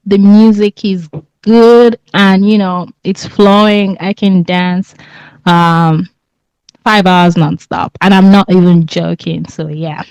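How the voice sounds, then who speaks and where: A woman born in England and raised in Nigeria, a podcast guest talking in a relaxed, thoughtful way and laughing easily. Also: mid-range voice, slow, clean tone, no room sound, dull audio. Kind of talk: casual interview.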